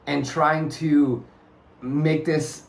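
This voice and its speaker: A man's voice: fairly high pitch, level tone, extremely slow, vocal fry. A man co-hosting a casual movie review chat, earnest and discursive, often restarting his phrases. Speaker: podcast co-host. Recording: roomy echoey room sound.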